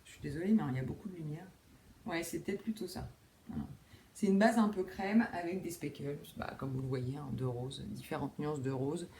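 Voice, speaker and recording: A woman's voice: sits low, fairly quick, dark tone, a little hiss or hum. Chatty woman hosting a knitting podcast. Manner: chatty, self-deprecating, many fillers and restarts. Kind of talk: casual chat. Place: home room with window.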